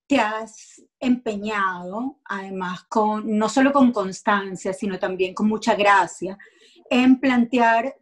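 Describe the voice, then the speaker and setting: A woman interviewer from Venezuela with a Caribbean Spanish accent, speaking in a thoughtful literary conversation. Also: fairly high pitch.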